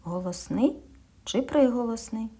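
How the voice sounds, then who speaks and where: A woman's voice: fairly high pitch, a little slow, warm tone, breathy edge. A woman kindergarten teacher giving a speech lesson to young children, patiently asking questions and answering them herself, sometimes dropping to a whisper.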